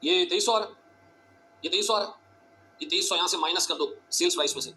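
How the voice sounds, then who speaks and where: A male teacher giving a classroom lecture, talking fast and urgently, repeating phrases and quizzing his students. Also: high-pitched, sharp tone, slight background noise.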